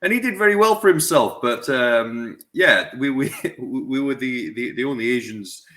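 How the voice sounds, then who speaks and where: A man, a dentist telling his life story as a podcast guest in an unhurried, reflective way. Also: medium pitch, lively intonation, pushed and bright. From West Yorkshire, England. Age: 40s. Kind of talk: reflective conversational interview.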